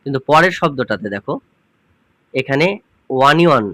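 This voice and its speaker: A male grammar teacher explains rules patiently, asking questions and repeating key points. His voice sits a little high. The recording is dry and close, with no room sound. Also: lively intonation, fairly quick, fairly bright tone, no room sound. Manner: addresses viewers informally as students.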